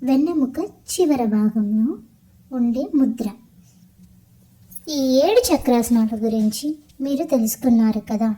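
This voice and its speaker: A woman calmly explaining meditation as a teacher, listing each point one at a time in a measured way. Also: fairly high pitch, low-quality recording. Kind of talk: calm instructional explanation of chakras.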